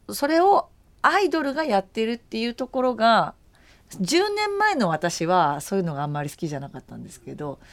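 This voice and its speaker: This is a woman chatting loosely after her radio show. Her voice sits a little low for a woman. She meanders through her thoughts with plenty of fillers and quick laughs. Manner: chatty and rambling, with many fillers and bursts of laughter. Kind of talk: casual after-show chat.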